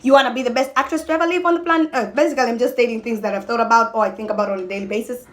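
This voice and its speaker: A young adult woman chatting casually to camera as a mukbang vlogger, emphatic and animated, often breaking off mid-thought. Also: on the high side, very fast.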